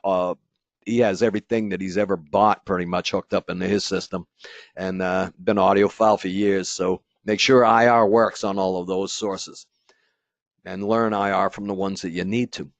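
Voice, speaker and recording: A company product trainer runs a casual dealer training webinar, his low voice fairly even in intonation and at normal speed. He talks loosely, with many fillers and restarts, sometimes acting out an installer's inner thoughts. The audio is dry and slightly dull.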